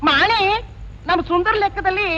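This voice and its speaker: An actor playing a cheeky young sidekick who teases with mock reverence. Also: male voice, very high voice, moderate pace, pushed and bright, slight background noise, heavily acted. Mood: teasing. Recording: dull old film soundtrack with music.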